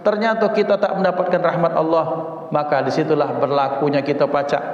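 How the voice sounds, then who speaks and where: A man's voice: a little high, steady tone, brisk. A man giving a sermon in storytelling style, talking straight to his listeners and acting out the people in his stories. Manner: storytelling, acts out quoted voices, addresses listeners directly. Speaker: religious teacher. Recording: echoey hall, dull lo-fi stream.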